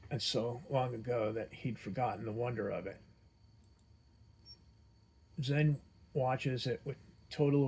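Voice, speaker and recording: A male narrator telling a fantasy adventure story in a measured, steady storytelling voice. The voice is husky and sits at a middle pitch.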